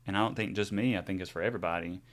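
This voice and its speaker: Very fast and low-voiced, this man in his forties is a podcast co-host in casual chat. He talks openly about his own experience, rambling, stopping and starting, with lots of fillers.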